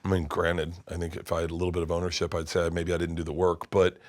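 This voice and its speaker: A comedian in his fifties telling stories as an interview guest, animated and swinging between loud and hushed. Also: low voice, fast talker. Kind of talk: candid storytelling in conversation. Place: his studio.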